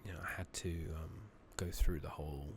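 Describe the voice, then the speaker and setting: A soft-spoken British streamer plays an online fantasy game, offering casual, rambling ASMR commentary that sometimes drops nearly to a whisper, with hesitant pauses as he muses. His bass voice stays steady, picked up by a close makeshift mic that sounds noisy and slightly loud.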